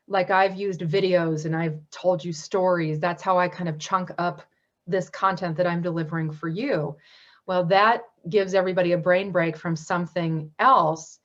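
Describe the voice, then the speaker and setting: A woman's voice: lowish voice, dull audio. A woman giving a webinar presentation on marketing, talking in an enthusiastic, conversational teaching manner. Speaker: marketing speaker.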